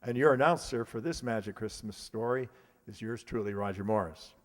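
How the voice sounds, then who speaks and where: With a voice on the low side and a brisk pace, an American man formally presents the cast onstage after a live performance. He occasionally stumbles and fixes his words. Echo, audience noise and clicks fill the hall.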